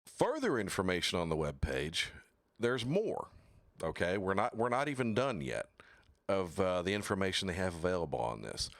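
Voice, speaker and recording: A man's voice: huge pitch swings, dry recording, studio quality. A man hosting a casual livestream talk show, bluntly mocking product claims and reading quotes aloud. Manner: mocking and blunt, swears, slow deliberate delivery with sudden high exclaims.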